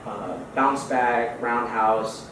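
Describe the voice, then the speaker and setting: This young man from Houston, United States, speaks extremely slowly, his medium-pitched voice holding a fairly even intonation. As a podcast guest in a casual interview, he's laid-back, using slang and many fillers. Echo and faint noise are audible, with the mic at a distance.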